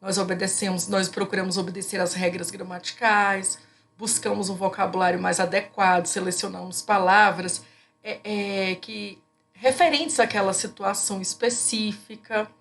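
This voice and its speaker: A woman, giving a recorded class lecture in an explanatory way, often pausing on fillers and restarting her sentences. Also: medium pitch, fairly even intonation, vocal fry, a bit bright. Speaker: teacher.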